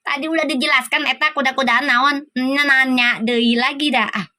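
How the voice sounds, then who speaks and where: High, bright-voiced teasing woman. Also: fairly even intonation, normal speed. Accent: Sundanese-flavored Jakarta Indonesian. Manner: teasing, laughing, playful banter. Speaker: live-stream tarot host. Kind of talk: casual live-stream chat with viewers.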